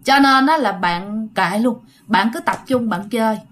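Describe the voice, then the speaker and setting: Here a woman with a Southern Vietnamese accent chats casually through a ghost story, addressing her audience directly. She performs the quoted shouts, and her fairly high voice keeps an unhurried pace.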